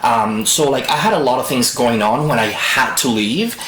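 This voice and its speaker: Animated storytelling man from the Dominican Republic. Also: mid-range voice, moderate pace, a little hiss or hum. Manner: storytelling, animated, lots of fillers. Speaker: guest. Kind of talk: casual chat. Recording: roomy echo.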